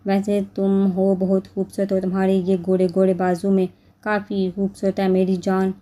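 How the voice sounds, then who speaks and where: A smug young husband who teases calmly and without hurry, as a female narrator reads him. The voice stays flat and very dark and mellow, in an audiobook romance reading. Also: medium pitch, natural voice. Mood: teasing. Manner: calm, unhurried, teasing. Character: smug, teasing young man, calm and possessive.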